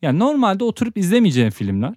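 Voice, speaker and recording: A young man co-hosting a podcast, telling stories in an animated, teasing way. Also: sits high, rapid-fire, no room sound, clean studio sound. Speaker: podcast co-host. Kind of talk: casual podcast chat.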